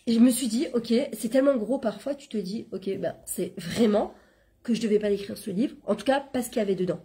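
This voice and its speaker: Animated woman teaching a spiritual class. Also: a little high, a little fast. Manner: animated, conversational, mixes Hebrew terms into French. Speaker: Torah class teacher and coach. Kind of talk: informal religious lesson.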